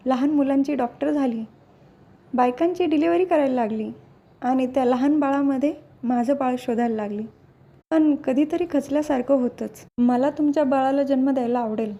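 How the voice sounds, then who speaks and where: A woman's voice: high voice, mellow, dull audio. A woman voicing a young woman doctor who speaks in an earnest, pleading way, read within a serial recap.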